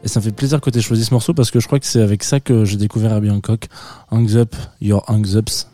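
Give me a mellow, low-voiced male host. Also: rapid-fire, no echo, faint music behind. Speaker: music show host. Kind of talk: casual chat.

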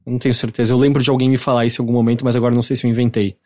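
A man's voice: mid-range voice, little pitch movement, rapid-fire, darkish tone. A man with a Brazilian Portuguese accent hosting an informal, conversational chat about video games. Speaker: gaming show host.

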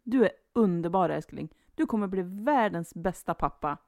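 A woman's voice: lowish voice, animated, a little mellow, dry recording, studio quality. A woman voicing an anxious young mother-to-be. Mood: affectionate. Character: young pregnant woman, anxious but loving. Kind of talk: amateur audio drama acting.

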